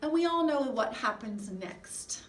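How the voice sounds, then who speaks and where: A high, bouncy woman's voice teaching young children, swooping up and down in a playful sing-song. She takes her time over every phrase. The sound bounces around an echoey room with her standing back from the mic. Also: a little slow, distant mic. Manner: animated, sing-song, talks to children with puppets. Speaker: music teacher. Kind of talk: online lesson for first graders.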